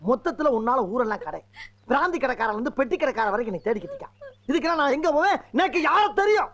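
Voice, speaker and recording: A lovesick, boastful village fellow in a film comedy, full of rambling, exclamatory talk. The voice sits very high for a man. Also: very animated, very fast, a bit bright, full character voice. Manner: exclamatory, rambling comic banter. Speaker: comic actor in a film. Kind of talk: Tamil film comedy scene.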